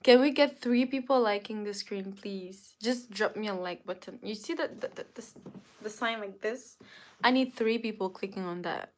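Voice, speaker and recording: With slight background noise behind her, a woman streams a casual live chat, talking directly to viewers in English, which isn't her first language, and repeating phrases over and over. She speaks at medium pitch and normal speed.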